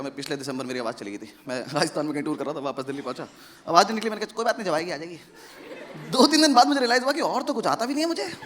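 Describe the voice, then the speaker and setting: A young man from India doing stand-up comedy. He tells stories in a sardonic, conversational way, with sudden loud outbursts. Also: high-pitched. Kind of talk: stand-up comedy with crowd work. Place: live comedy venue with audience laughter. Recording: noisy live show recording.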